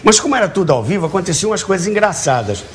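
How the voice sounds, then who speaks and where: Speaking very fast in a high voice that swings widely, a Brazilian talk show guest cheerfully recounts stories to the host, performing the quoted lines himself. The TV studio, with its audience, sounds clearly noisy, and soft music plays underneath.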